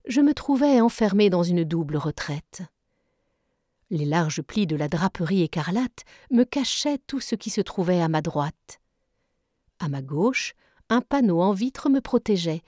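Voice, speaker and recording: A woman reads a classic novel aloud, calm and measured. Her voice is mellow and warm, recorded close and dry with no room sound. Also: lowish voice, no echo. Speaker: narrator. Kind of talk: audiobook reading of a classic novel.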